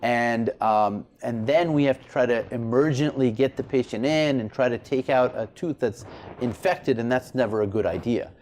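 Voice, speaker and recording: A man's voice: mid-range voice, moderate pace. A man speaking as an oral surgeon, giving explanatory answers in an interview. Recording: steady background ambient noise.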